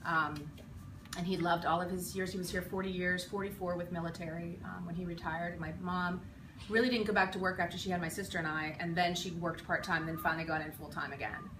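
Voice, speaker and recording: Her voice sits on the low side, steady and a little quick, as this forties-aged teacher from western Pennsylvania recalls her own schooling in a casual interview. The talk wanders reflectively with plenty of ums and false starts. Sound is noisy and echoey, recorded far from the mic in a school building.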